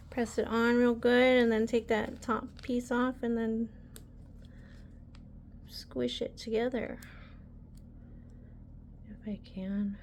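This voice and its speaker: A woman's voice: fairly high pitch, darkish tone. Woman, casual crafting how-to, rambling chatty delivery, faint room hum behind. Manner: chatty, rambling, many ums. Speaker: embroidery tutorial host.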